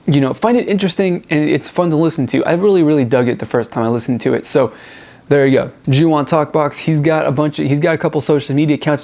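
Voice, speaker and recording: A man with a fairly high, creaky voice and a darkish tone hosts a music review show. He speaks to viewers casually and off the cuff, rambling and repeating words for emphasis.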